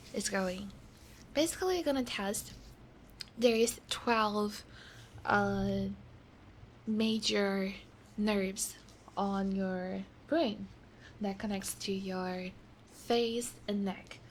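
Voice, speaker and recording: A woman in a whispered role-play as a reassuring doctor, talking softly and slowly and often dropping into a whisper. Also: medium pitch, slight background noise, low-quality recording. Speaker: ASMR creator.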